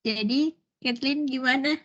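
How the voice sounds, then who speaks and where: A woman's voice: high voice, unhurried. A young woman chatting and teasing her classmates, in a playful way. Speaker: student in group discussion. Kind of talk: casual chat. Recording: dull, lo-fi call audio.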